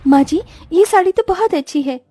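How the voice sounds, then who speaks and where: Woman doing a gentle humble young daughter-in-law. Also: extremely high pitch, lively intonation, a little fast, soft background music, voice pushed up. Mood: delighted. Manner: soft, respectful.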